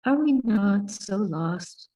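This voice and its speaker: A woman giving a Buddhist talk and guided meditation in a soft, calm, deliberate voice, speaking in short contemplative phrases with long pauses. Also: mid-range voice, recorded from a distance, low-quality recording. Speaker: Buddhist nun teaching and guiding meditation.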